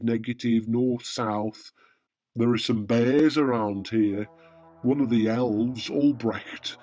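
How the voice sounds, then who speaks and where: A man playing an immortal Father Christmas in a radio drama, measured, weary and matter-of-fact in a wry, deadpan way. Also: medium pitch, natural voice. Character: Father Christmas, immortal, wryly matter-of-fact male gift-giving saint. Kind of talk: radio drama dialogue in comic pantomime.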